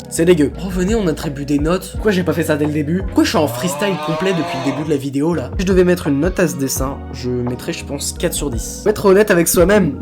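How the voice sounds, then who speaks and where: A young man casually commenting on his own sketchbook drawings, rambling and poking fun at his own work. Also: fairly high pitch. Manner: self-mocking, jokey, chatty with many fillers. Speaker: vlogger showing his sketchbook.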